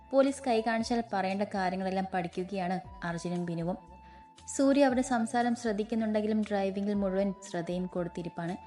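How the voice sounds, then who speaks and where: A woman reads a romantic story aloud at an ordinary middle pitch. She keeps the same narrating voice for every character. Soft music plays quietly behind her. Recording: faint background music.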